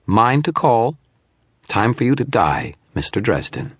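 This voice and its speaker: A man's voice: mid-range voice, big pitch swings, a little slow, breathy edge, dry recording, clean studio sound, voice pushed up. A man voicing the sneering, supremely confident shadow phantom of an unseen sorcerer in an audiobook. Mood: menacing. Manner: cold, gloating, scornful. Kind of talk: audiobook narration.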